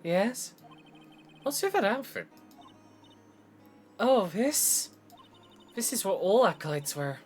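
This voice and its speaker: A man's voice: high voice, big pitch swings, slow pace, pauses often, soft background music, pitched above the performer's own voice, heavily acted. Man doing a perky young spirit medium girl. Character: cheerful young female spirit medium apprentice.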